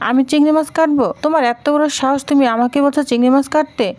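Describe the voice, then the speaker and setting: A woman's voice: high voice, steady tone, fast, lightly acted. A woman voicing a haughty woman who is outraged at being told to do chores. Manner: outraged and sharp. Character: haughty, indignant woman, proud in-law.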